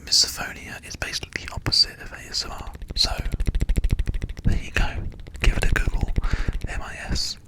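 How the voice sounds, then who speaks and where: A streamer speaking in a soft ASMR whisper, chatting casually to viewers one by one on a livestream. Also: fairly quick.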